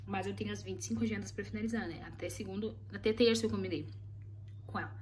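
A woman's voice: medium pitch, fairly even intonation, quick pace, a little mellow, a little hiss or hum. A woman vlogging casually from her craft studio, chatty and rambling, often checking in with "right?" and her viewers. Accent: Brazilian Portuguese. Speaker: vlogger running a custom stationery studio. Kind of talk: casual vlog chat to camera.

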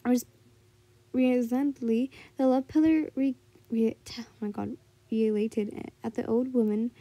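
High, very soft-toned woman storyteller. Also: fairly even intonation, no room sound. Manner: halting, stumbles over words and corrects herself. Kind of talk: amateur narration of a fan fiction story.

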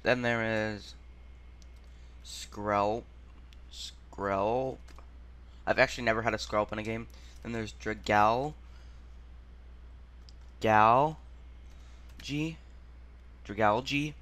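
A man with a lowish, smooth and clear voice talks his way through a quiz, thinking aloud. He mutters and halts, trailing off mid-phrase and sounding out words. The delivery is casual and unpolished, like a gaming host playing on camera. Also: fairly even intonation, unhurried, long pauses, a bit bright.

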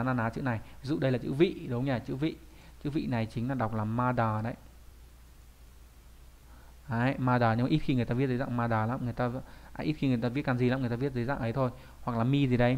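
A man teaching kanji in an online video lesson, talking casually and often asking rhetorical questions and tag questions. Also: mid-range voice.

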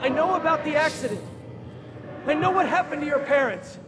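An actor playing a young, wisecracking but earnest American superhero in a video game. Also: male voice, very high voice, animated, a little fast, over music. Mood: pleading.

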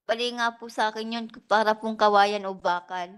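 A woman testifying as a witness at a hearing, answering softly and politely in short replies. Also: mid-range voice, fairly even intonation, moderate pace, clean tone. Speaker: witness, domestic worker. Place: legislative hearing room.

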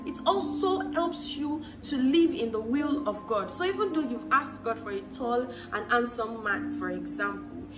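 Facing the camera in a small room with a plain wall, a woman in her thirties offers earnest, faith-based relationship advice in a somewhat high voice, preachily repeating key phrases and acting out quoted voices. The camera frames her chest-up, and the distant mic gives a roomy sound with music underneath.

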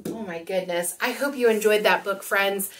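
Here a woman in her thirties hosts a children's storytime indoors in a small room, talking and reading a picture book aloud with expression. She speaks at a moderate pace in a mid-range voice, recorded from far away.

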